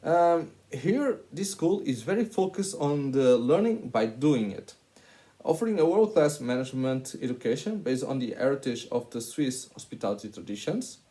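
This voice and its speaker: A man's voice: medium pitch, very animated, moderate pace, mellow. A man in his twenties from Portugal with a Portuguese accent, giving a hesitant presentation full of filler sounds. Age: 20s. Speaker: hospitality master's student. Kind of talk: presentation to camera.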